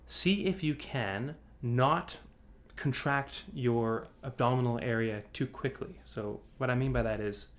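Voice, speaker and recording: A man's voice: mid-range voice, unhurried. Man coaching singers over a video call. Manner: demonstrates sighs and sung examples; loose, rambling, many restarts. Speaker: vocal coach. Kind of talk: online singing workshop.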